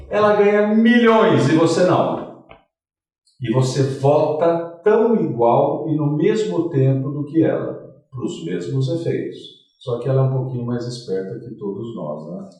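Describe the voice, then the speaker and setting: A man's voice: mid-range voice, a little mellow, heavy reverb, distant mic, low-quality recording. A man hosting a studio talk show, theatrical and jokey, jumping from topic to topic. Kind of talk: lively studio interview.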